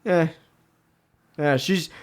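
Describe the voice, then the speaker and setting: A man's voice: a little high, extremely slow. A young man co-hosting a casual podcast, a little drunk and slurring, telling stories with lots of swearing. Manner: animated storyteller, swears a lot. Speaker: podcast co-host. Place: small home room, in doors.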